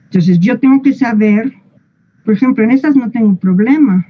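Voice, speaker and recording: A woman's voice: a little high, normal speed, lo-fi sound. A woman, explaining English pronunciation to a class in a patient, playful way and asking them questions. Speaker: English teacher.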